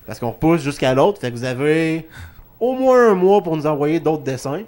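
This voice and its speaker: In a relaxed studio chat, this wrestling talk show host with a Quebec French accent keeps things informal and full of jokes. He speaks at normal speed in a somewhat high, animated, slightly mellow voice.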